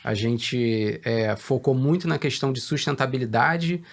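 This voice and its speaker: A Brazilian research director with a medium-pitched voice answers questions in a business interview. He speaks in a measured, hesitant way and uses many fillers.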